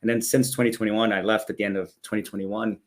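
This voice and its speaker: A man's voice: lowish voice, little pitch movement, fast. A man in his forties from Denmark, a business executive telling his story as an interview guest with enthusiasm. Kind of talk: conversational interview answers.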